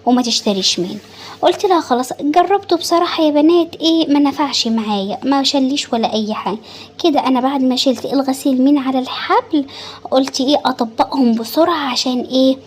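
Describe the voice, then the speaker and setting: A woman's voice: high-pitched, darkish tone, breathy edge. A woman with an Egyptian Arabic accent, chatting casually and confidingly to her women viewers in a home vlog voice-over. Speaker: home vlogger.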